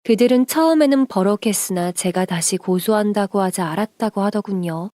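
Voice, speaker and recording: A woman narrates a reader-submitted story in a steady, expressive manner. Her voice is mellow and warm at a middle pitch. The sound is close and dry. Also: a little fast, dry recording.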